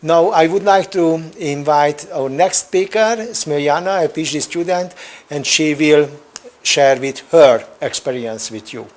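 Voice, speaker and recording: A man's voice: fairly high pitch, a little slow. A man hosting an online open day, reading and answering a question with frequent fillers before he introduces the next speaker. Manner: hesitant, with many fillers. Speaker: host. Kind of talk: moderating an online Q&A.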